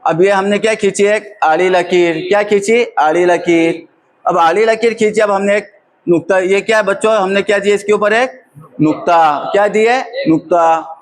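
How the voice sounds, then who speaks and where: A high-voiced man drilling a class. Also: slight background noise. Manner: patient question-and-answer drilling. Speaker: teacher trainer. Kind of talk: classroom teaching demonstration.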